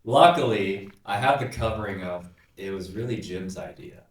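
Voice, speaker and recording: A man with a fairly low voice tells a story in an easy, offhand way, often slipping into what others said. He sits a little back from the mic, and the room around him sounds echoey. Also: moderate pace, far from the mic. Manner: storytelling, low-key, quotes others, drops his voice. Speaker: student ministry podcast co-host. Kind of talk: casual chat. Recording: roomy sound, a bit off-mic.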